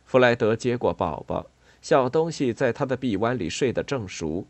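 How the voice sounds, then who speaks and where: A man narrating a children's storybook in a calm, even way. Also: medium pitch, moderate pace, no room sound.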